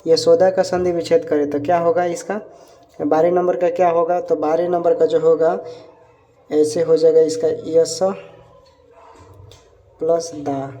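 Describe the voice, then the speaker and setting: A man's voice: a little high, flat delivery, unhurried, long pauses, mellow. A man with a Hindi accent from Bihar, teaching an exam practice lesson and repeating each answer with frequent check-ins.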